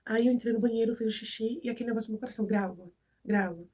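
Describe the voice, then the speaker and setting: Racing through a personal story, a young Brazilian vlogger with a cold speaks in a fairly high, flat, dark, slightly rough voice, captured from afar. She chats with her audience in a Brazilian Portuguese accent, acting out the dialogue as she goes.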